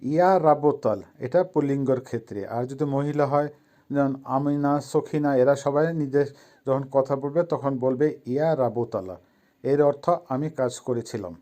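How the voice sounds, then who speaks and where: A man's voice: medium pitch, moderate pace, dark tone. A man giving a step-by-step language lesson over a screen, saying each word and then repeating it for the learner. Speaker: language teacher.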